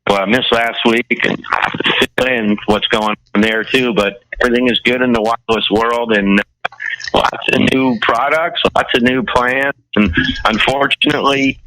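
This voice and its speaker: A man's voice: medium pitch, fairly even intonation, moderate pace, bright, forceful tone, dry recording. A man calling in as a wireless expert, chatting in an easygoing way over a call line that buzzes and breaks up. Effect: buzzy, glitchy call audio that breaks up. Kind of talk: casual radio call-in chat. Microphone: internet phone call. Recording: glitchy internet phone call line.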